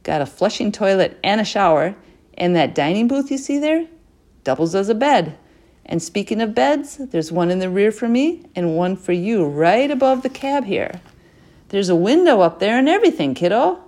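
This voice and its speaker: A woman's voice: mid-range voice, big pitch swings, normal speed, darkish tone. Woman doing a folksy, bossy grandma. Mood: proud.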